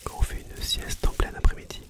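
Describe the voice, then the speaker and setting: Whispering breathily and without voice, an ASMR host keeps up casual chatter while sitting on the floor at home. They slowly repeat phrases and individual words.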